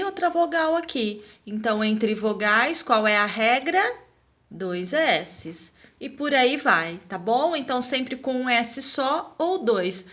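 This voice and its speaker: Brazilian woman schoolteacher, slow and patient, slightly high voice, recorded class. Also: a bit bright. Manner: patient, spells out words, checks with "tá bom?". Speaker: teacher.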